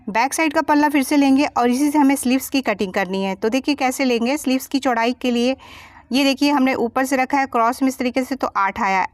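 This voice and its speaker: A woman's voice: on the high side, no room sound, studio quality. A woman giving a step-by-step sewing tutorial as a voice-over, patiently explaining each measurement and cut. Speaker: sewing teacher.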